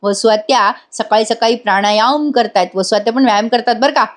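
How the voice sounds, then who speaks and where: A woman narrates a voice-over review of a TV serial episode in a chatty, teasing way. She talks straight to her viewers. Her voice sits fairly high. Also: fairly quick.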